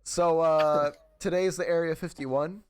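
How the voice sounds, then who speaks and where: A man's voice: fairly high pitch, fairly even intonation, unhurried, clear, resonant tone, faint music behind. A young man hosting a podcast, teasing the others with jokey remarks in casual chat. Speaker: podcast host.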